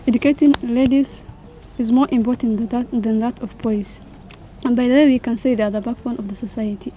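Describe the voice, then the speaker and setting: A woman's voice: on the high side, dark tone, slight background noise, poor audio. A woman explaining her views steadily in an interview. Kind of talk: interview answers.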